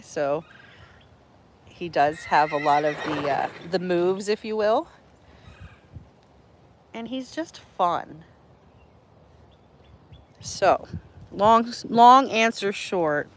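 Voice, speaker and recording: A woman's voice: low-pitched, a little hiss or hum. Woman live-streaming from her horse barn. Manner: affectionate baby talk to her horses. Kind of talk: casual live-stream chat.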